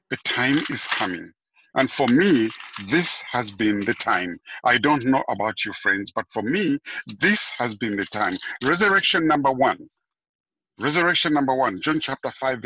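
A man's voice: medium pitch, bright, forceful tone, slight background noise, rough recording. A man preaching a sermon, emphatic and repeating his key phrases. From Zambia.

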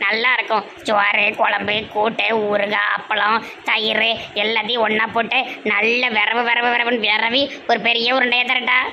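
Comedy sketch: woman doing a scheming old mother, low coaxing voice, Tirunelveli accent, gravelly edge. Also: level tone, normal speed, sharp tone, dull audio, slight background noise. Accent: Tirunelveli Tamil. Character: scheming older mother, sly and meddling.

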